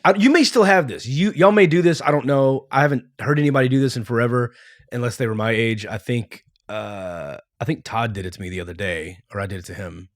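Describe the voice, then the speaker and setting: A man's voice: medium pitch, a little fast, dry recording, clean studio sound. A middle-aged man, co-hosting a casual podcast chat and acting out old sayings with gusto. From Texas. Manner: animated storyteller, acts out old sayings. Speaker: podcast co-host, father.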